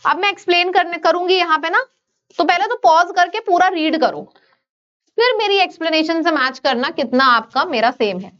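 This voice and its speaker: A woman with an Indian accent teaching an online exam-prep vocabulary lesson, brisk and coaxing, switching between Hindi and English. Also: very high-pitched, expressive, fairly bright tone, lo-fi sound.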